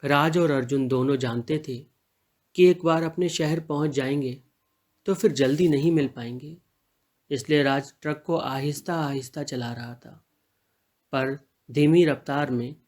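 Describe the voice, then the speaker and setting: A man narrating an audio story in a plain, steady reading voice. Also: mid-range voice, moderate pace. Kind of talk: scripted narration.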